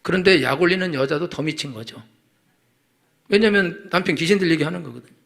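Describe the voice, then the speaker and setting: A man's voice: fairly high pitch, fairly quick, vocal fry, fairly bright tone. A middle-aged male pastor giving a Sunday sermon in a chatty, teasing way, acting out quoted voices for the congregation.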